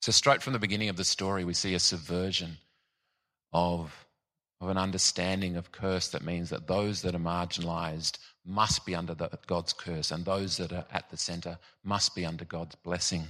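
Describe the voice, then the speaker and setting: A man delivers a sermon in a low voice with a bright, forceful edge. He speaks thoughtfully, pausing with ums and restarting phrases as he works through his point. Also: fairly even intonation. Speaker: preacher.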